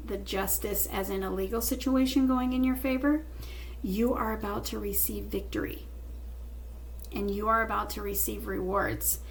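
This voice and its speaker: A woman's voice: medium pitch, gravelly, slight background noise, low-quality recording. A woman giving a tarot reading straight to the viewer, speaking in a reassuring, emphatic way with repeated phrases. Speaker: tarot reader.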